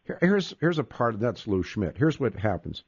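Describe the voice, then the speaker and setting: A man's voice: lowish voice, big pitch swings, moderate pace, a little mellow, breathy edge, no echo, highs cut off. A man hosting a casual discussion, talking emphatically, repeating words and cutting in often. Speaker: podcast host.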